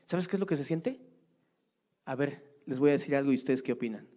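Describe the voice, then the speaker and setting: Heard through a muffled, lo-fi recording, a pastor of medium pitch and dark tone preaches fairly quickly. He is emphatic, again and again using short tag questions to draw agreement from the congregation.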